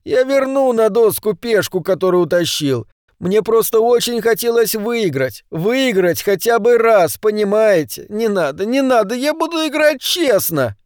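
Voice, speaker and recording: A man's voice: lively intonation, measured pace, smooth, dry recording, clean studio sound. A man voicing a fat, childish middle-aged man who babbles and pleads in a whiny voice. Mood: pleading. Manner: whiny, high-pitched, babbling.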